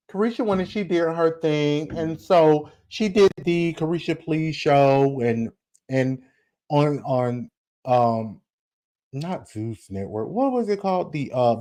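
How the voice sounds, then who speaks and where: A man's voice: fairly high pitch, a little mellow. Chatty forty-year-old man vlogging gossip. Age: 40s. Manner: chatty, talks straight to viewers, frequent asides and rhetorical "okay?". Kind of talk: casual commentary vlog.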